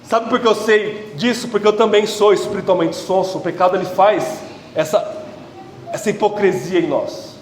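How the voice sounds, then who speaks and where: A man's voice: high voice, moderate pace, slight background noise. A Brazilian man in his thirties preaching a sermon as pastor, earnest and direct, rising to emphatic peaks. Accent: Brazilian Portuguese. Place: church hall. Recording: echoey hall with faint ambience.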